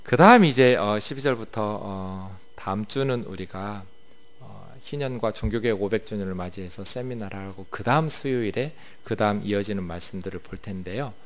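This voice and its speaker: A man's voice: lowish voice, normal speed. A male pastor giving a sermon, explaining a passage and asking the congregation questions.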